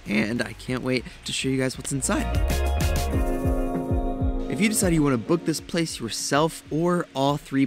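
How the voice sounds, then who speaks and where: A young man hosting a tiny house tour, narrating with enthusiasm and talking straight to viewers. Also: mid-range voice. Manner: enthusiastic, addresses viewers directly. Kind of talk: upbeat walkthrough narration.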